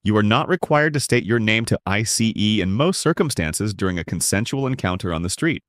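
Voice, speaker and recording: A man giving scripted narration that explains legal rights in a measured, emphatic way. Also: lowish voice, animated, a bit bright, no echo, studio quality.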